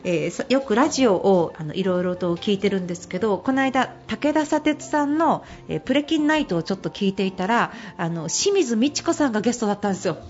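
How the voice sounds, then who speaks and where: A woman's voice: medium pitch, animated, quick pace, hardly any pauses, a little mellow. A middle-aged woman hosting a radio show, giving casual business advice and chatting about her week, laughing often as she tells stories, with a hint of speech. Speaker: radio host and business consultant. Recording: slightly dull radio broadcast.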